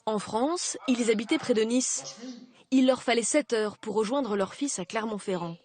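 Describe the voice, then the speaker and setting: A woman with a fairly high-pitched voice reads scripted voice-over narration for a television documentary report. Her delivery is measured and even.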